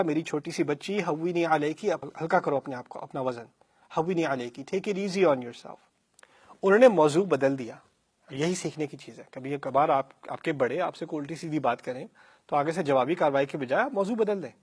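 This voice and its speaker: A man preaching in a fairly high voice, reading Arabic and then explaining it in Urdu. He breaks into the voices of the people in his story with rising emotion, and drops English words into his speech. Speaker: Islamic lecturer. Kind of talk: Urdu sermon retelling a hadith.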